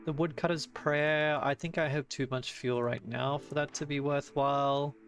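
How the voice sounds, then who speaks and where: Steady in tone and a little high, this man from Australia speaks at a normal pace with a somewhat bright sound. He's casually narrating a strategy game to himself, thinking out loud and revising what he says, while music runs under his voice.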